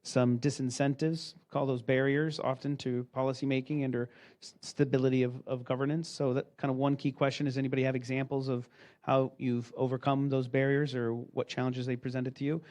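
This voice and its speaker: Male moderator, halting, lots of ums, mid-range voice. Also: medium pitch, level tone, darkish tone. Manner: halting, many fillers and restarts. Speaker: panel moderator.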